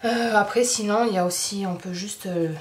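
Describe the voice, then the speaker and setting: A woman's voice: mid-range voice, normal speed. A French woman chatting casually through an art-supply haul video, rambling with many fillers and restarts. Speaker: craft youtuber showing art supplies.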